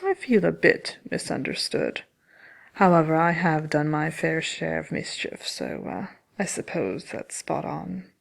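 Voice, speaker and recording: A woman's voice: low voice, animated, measured pace, gravelly, full character voice. A woman voicing a haughty, mischievous wicked witch in an in-character ASMR question-and-answer chat, sly, theatrical and dryly self-important. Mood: sly musing.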